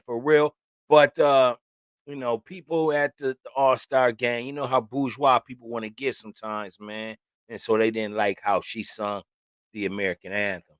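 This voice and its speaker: A man's voice: mid-range voice, no echo, studio quality. Slangy talkative male podcast host. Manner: loose, slangy and talkative, with frequent "man" and "you know what I'm saying". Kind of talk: casual opinion podcast.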